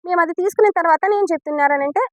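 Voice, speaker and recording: A woman's voice: very high-pitched, rapid-fire, no room sound. A woman gives a statement to news reporters as a mother and teacher. She sounds earnest and upset and recounts events step by step, ending sentences politely. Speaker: mother and school biology teacher.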